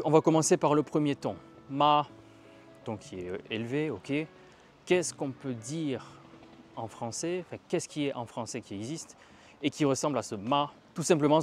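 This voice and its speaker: A man giving a casual language lesson while walking outdoors, lively and stressing words to demonstrate tones. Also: medium pitch. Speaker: language teacher.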